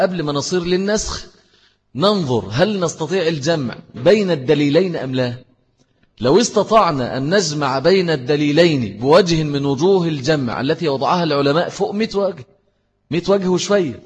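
An Islamic teacher with an Egyptian Arabic accent gives a religious lesson and answers questions, his voice a little high and very breathy and airy. He explains things step by step and repeats key phrases for emphasis. A long reverb suggests a large hall.

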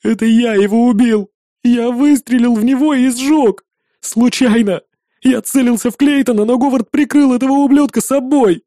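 A man voicing a hysterical, desperate young male employee in an audiobook, with loud, ranting, sobbing outbursts. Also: very high-pitched, normal speed, no room sound, studio quality, pitched above the performer's own voice. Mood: sobbing confession.

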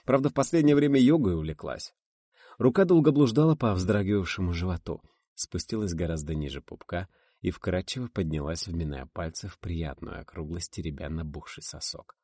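Give me a deep male audiobook narrator with a dry, close sound. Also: fairly quick, mellow, breathy edge, no room sound. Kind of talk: first-person audiobook narration.

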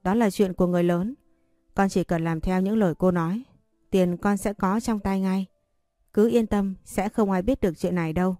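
A woman's voice: mid-range voice, steady tone, normal speed, warm tone, no echo, clean studio sound, faint music behind, natural voice. A woman reading a story voicing a scheming woman who coaxes a servant over the phone. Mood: coaxing. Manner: coaxing, persuasive.

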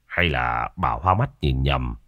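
A man voicing an older village husband who gruffly dismisses his wife's fright. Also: rumbling low, takes it slowly, no echo, lo-fi sound, pitched below the performer's own voice. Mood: dismissive.

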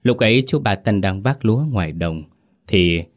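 A man narrating a ghost story with a steady, grave reading. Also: lowish voice, normal speed. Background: soft music.

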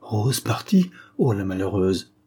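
A man voicing a kindly old man who exclaims in a flustered way, his voice raised and husky. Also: lowish voice, sing-song, a little slow, dark tone, full character voice. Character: kindly fumbling old man, startled and distraught.

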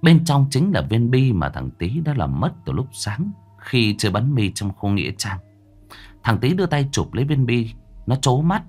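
A man narrating a horror story in a dramatic, suspenseful manner, slowing down for tense moments. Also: mid-range voice, very animated. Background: soft background music.

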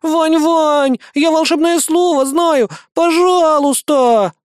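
A man's voice: very high-pitched, slow, no echo, voice pushed up. A man voicing a bratty young elf girl who whines and pleads, dry close sound. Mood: whining. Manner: whiny and pleading.

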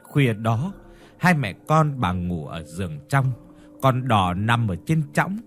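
A man tells a ghost story at a slow, measured pace. His pitch rises and falls expressively as he narrates. Soft music plays quietly underneath. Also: sing-song.

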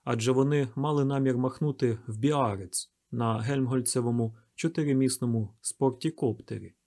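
A man narrating a novel in a measured, expressive audiobook reading. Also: medium pitch. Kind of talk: scripted literary narration.

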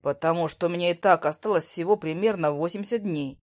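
A woman voicing a cocky, teasing teenage boy who talks low and sly. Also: fast talker, no echo, clean studio sound, natural voice. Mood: sly, defensive.

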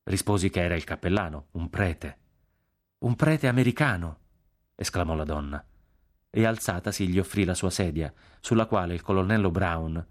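A man reading a novel aloud on a radio program in a measured, grave, unhurried way. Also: low-pitched, darkish tone. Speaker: audiobook reader on a radio program.

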